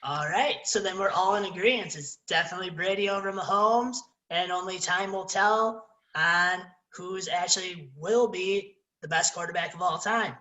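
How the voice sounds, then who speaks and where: A man's voice: high voice, moderate pace, hardly any pauses, pushed and bright, roomy sound, rough recording. A man co-hosting a podcast who chats casually about sports, leads the talk and moves it along to new topics. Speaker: podcast co-host.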